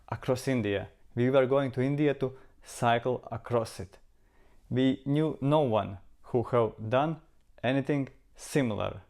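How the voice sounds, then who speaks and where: A Latvian man with a darkish tone and a mid-range voice talks casually to the camera as a travel vlogger. He speaks with a Latvian accent in an earnest, reflective manner, emphasizing points by repeating words.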